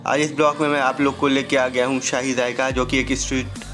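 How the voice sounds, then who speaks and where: A man's voice: mid-range voice, level tone, fairly quick. Man talking through a face mask. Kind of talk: casual street-food vlog talk. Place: outdoors at a street food stall. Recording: loud background music over street recording.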